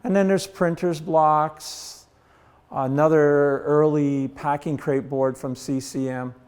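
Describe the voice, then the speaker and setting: A man's voice: on the high side, fairly even intonation, slow, a little mellow, clean tone. Folksy man giving a museum tour. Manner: folksy storyteller, acts out quoted people. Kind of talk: casual guided tour and storytelling. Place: heritage centre exhibit hall.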